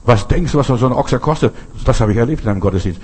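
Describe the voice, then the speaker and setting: A man's voice: medium pitch, animated, quick pace, darkish tone, husky. A man preaching a folksy sermon, talking straight to his listeners with many asides. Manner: folksy, addresses listeners directly with frequent asides. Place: Berlin.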